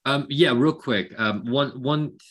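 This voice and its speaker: A man's voice: slow, a bit bright. A man hosting a webinar as a coach, talking informally with many fillers over a video call. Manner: informal, filler-heavy pitch. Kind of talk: casual webinar talk.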